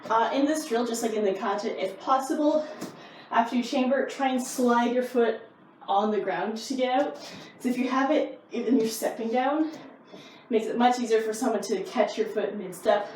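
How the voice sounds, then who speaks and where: A woman's voice: fairly high pitch, moderate pace, a little mellow. A woman karate instructor explaining techniques in a casual, easygoing, informal way. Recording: roomy echo, distant mic, faint noise.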